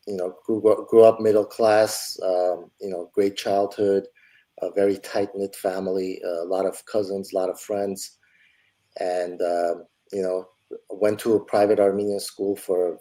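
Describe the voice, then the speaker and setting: Deep, flat-voiced man in his forties. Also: poor audio. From Los Angeles, United States. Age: 40s. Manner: relaxed, thinking aloud with many fillers. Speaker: guest, entrepreneur. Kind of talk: interview answers.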